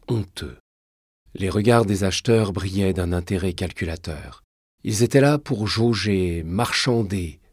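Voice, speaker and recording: A man narrating a historical novel in a measured, dramatic storytelling manner. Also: deep voice, a little mellow, slightly rough, no room sound, clean studio sound.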